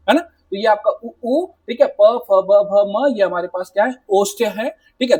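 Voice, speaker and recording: Male teacher, exam-prep lecture, high voice, dry room, set back from the mic. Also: no room sound, recorded from a distance. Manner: explanatory, repetitive, mixes English words, says "ठीक है" and "है ना" often; demonstrates sounds slowly. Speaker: Hindi teacher. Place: classroom.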